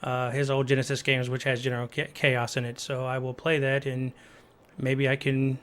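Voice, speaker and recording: A man hosts a gaming podcast in a relaxed, casual style. He speaks to the listeners directly in a friendly, upbeat voice at a medium pitch. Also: normal speed, clear, resonant tone. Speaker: podcast host.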